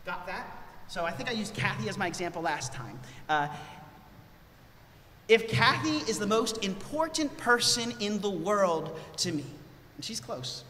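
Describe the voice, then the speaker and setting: A male pastor preaching a sermon in an animated way, his voice rising for emphasis. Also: high-pitched, slight background noise. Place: church sanctuary. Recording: echoey church hall with long reverb.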